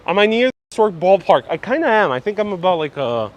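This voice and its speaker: A man's voice: sits high, sing-song, quick pace. A man giving a casual, chatty live walking tour, politely answering viewers, his voice slightly muffled through a mask. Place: outdoors, walking on city streets. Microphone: clip-on mic worn on the body. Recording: street noise, outdoor live stream. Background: street ambience, passing vehicles.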